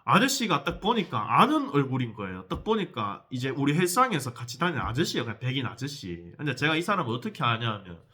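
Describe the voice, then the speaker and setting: A man tells his viewers a heated story, and he swears as he goes. His voice is bright and sharp, and his pitch swings up and down with every turn of the story. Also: huge pitch swings, fast, hardly any pauses. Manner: heated, profane, addresses viewers directly. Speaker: vlogger telling a personal story. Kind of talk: animated storytelling vlog.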